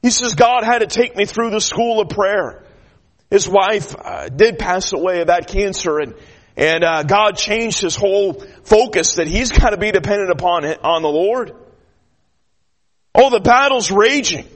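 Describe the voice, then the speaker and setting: A man with a high-pitched voice delivers a sermon. He talks earnestly, restarts phrases often, and rises into emphatic declarations about prayer and battle. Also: expressive, moderate pace. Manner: shy by nature. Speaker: traveling preacher.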